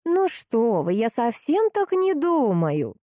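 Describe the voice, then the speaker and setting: A woman voicing a sharp-tongued, persistent older woman detective who is by turns sweet and cutting, in an audiobook. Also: medium pitch, big pitch swings, moderate pace, no echo, studio quality, voice pushed up, lightly acted. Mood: insistent.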